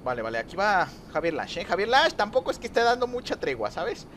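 A young man giving lively gameplay commentary, talking to viewers and teasing rivals. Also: sits high, fast talker, a little hiss or hum. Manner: excitable, talks to viewers and rivals, trash-talks. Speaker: gaming youtuber.

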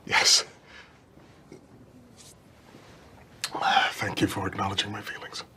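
A middle-aged man playing a stern, formal police captain in a sitcom, stiff and deadpan in delivery. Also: on the low side, brisk, in a whisper. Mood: solemn. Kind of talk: TV sitcom acting.

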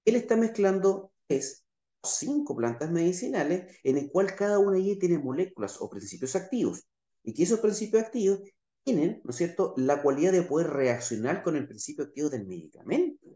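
A middle-aged man with a Chilean Spanish accent presents a conference talk over a video call, gesturing as he explains. His pitch swings widely and he keeps checking in with his audience. The webcam picks up a roomy echo from the small room around him. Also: very animated, brisk, mellow. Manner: gestures with his hands while talking. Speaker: naturopath lecturer. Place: small indoor room, plain wall behind.

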